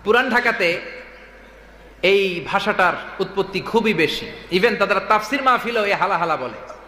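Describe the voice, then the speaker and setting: A man's voice: sits high, animated, moderate pace, sharp tone. A man preaching a humorous sermon to a large gathering. He jokes, mimics regional dialects and keeps asking the crowd to answer him. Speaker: Islamic preacher. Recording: echoey hall with long reverb, faint noise.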